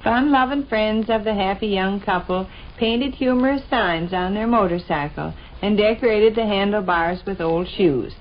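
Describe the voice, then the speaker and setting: In a folksy, chatty 1940s radio comedy style, an American woman plays a teasing, practical housewife and mother. Her mid-range voice moves at normal speed with hardly any pauses and is lightly acted, on a dull, noisy 1940s radio recording.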